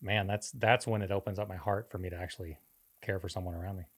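A man's voice: low-pitched, fairly even intonation, quick pace, slightly rough. A man co-hosting a podcast, explaining faith in an earnest, preacher-like way. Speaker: podcast co-host. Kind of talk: casual faith discussion.

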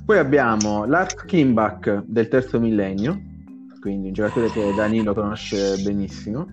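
A man casually announcing a team list, with banter, halting over foreign names. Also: lowish voice. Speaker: team staff member announcing a squad. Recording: dull, lo-fi audio. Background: music.

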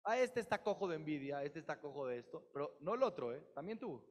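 A man teaching a religious seminar, lively and acting out little dialogues between people. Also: a little high, quick pace. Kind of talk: religious lecture to women. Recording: long hall reverb.

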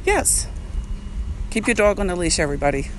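Male podcast host, slightly high voice, reflective and repetitive delivery, recorded outside with faint street noise. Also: animated, a little fast. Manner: reflective, repeats phrases, laughs often. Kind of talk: casual unedited podcast monologue. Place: outdoors by a street. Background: traffic and street noise.

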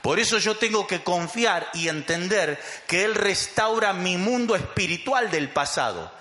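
High, lively pastor preaching. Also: male voice, measured pace, echoey room. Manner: emphatic, calls the congregation to repeat after him. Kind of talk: sermon.

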